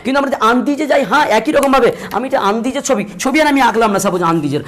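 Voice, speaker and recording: A man teaching a grammar lesson, repeating points and slowing down to spell out examples. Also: extremely high pitch, lively intonation, fairly bright tone. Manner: repetitive, drills points, slows to spell out examples. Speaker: English teacher.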